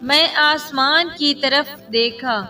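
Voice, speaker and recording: A woman storyteller narrating an emotional scripted story in a soft, sentimental manner, recorded from a distance with soft music behind. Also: high-pitched.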